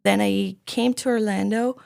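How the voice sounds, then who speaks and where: A woman's voice: mid-range voice, steady tone, moderate pace, gravelly, darkish tone. A woman in her thirties from Venezuela, a native Spanish speaker with a Venezuelan Spanish accent, chatting as a podcast guest and telling her story with many fillers. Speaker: guest filmmaker. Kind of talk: casual podcast chat. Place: podcast studio room.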